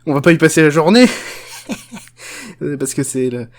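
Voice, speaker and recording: A man's voice: on the high side, normal speed, natural voice. A man playing a crude, unhinged chocolate factory owner, rambling, swearing and mocking in a comic parody.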